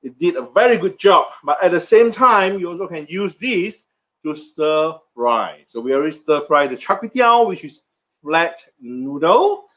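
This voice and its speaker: Selling an air fryer on his live cooking show, a middle-aged man keeps up chatty, loose sales talk with slips in grammar during the product demo stream. He sounds animated and unhurried, with a slightly high, fairly bright voice. He's framed from the waist up at a stand mic in front, in an indoor home kitchen set with a product backdrop.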